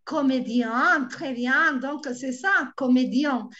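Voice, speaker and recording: A woman with a Colombian Spanish accent, a native Spanish speaker, tutoring French over a video call. She repeats words slowly and patiently. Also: high-pitched, fairly bright tone. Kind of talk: online language lesson. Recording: dull lo-fi online call audio.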